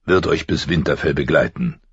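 A man voicing a stern, weary old military commander with a deep, gravelly voice. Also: moderate pace, no room sound, highs cut off, exaggerated voice.

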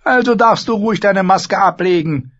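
A man's voice: sits high, moderate pace, fairly bright tone, voice pushed up. A man voicing a cold, commanding queen who speaks sharply and scornfully, in an audiobook. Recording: slightly dull lo-fi audio.

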